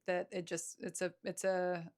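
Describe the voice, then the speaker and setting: Gravelly low Southern woman, flat and hesitant. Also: a little slow. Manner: reflective, hesitant, many fillers. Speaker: podcast guest. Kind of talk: casual conversation.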